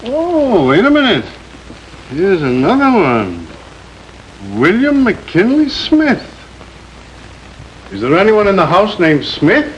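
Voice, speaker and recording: A man's voice: high voice, huge pitch swings, takes it slowly, pauses often, a little hiss or hum, exaggerated voice. A man acting in a 1930s film, playing a genial, fatherly judge among poor city boys. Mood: genial, bustling. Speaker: actor as a mock-court judge handing out gifts. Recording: old film soundtrack, crowd chatter behind.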